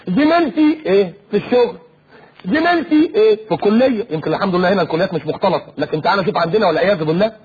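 Fast, husky Egyptian preacher. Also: male voice, sits high. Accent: Egyptian Arabic. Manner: rapid, animated, mimics voices mid-talk. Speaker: preacher, radio guest. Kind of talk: lively preaching talk. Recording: dull lo-fi radio recording.

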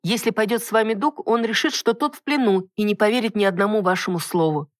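A woman's voice: medium pitch, fast, dry recording, studio quality, pitched above the performer's own voice, natural voice. A reader voicing a firm, earnest young noble lady in an audiobook. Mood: persuasive.

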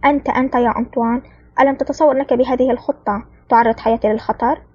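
A woman's voice: a little high, flat delivery, rapid-fire, mellow, breathy edge, dull audio. A woman reading the lines of a proud, commanding male mafia boss in an audiobook. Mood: angry. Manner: drowsy when drugged, else commanding.

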